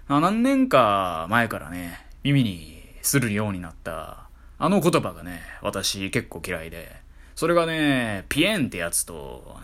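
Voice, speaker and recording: A man's voice: fairly low pitch, fairly bright tone. A man with a Kansai accent talking alone in a casual monologue, making sardonic, ranting asides about phrases that bother him. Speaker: solo talk streamer.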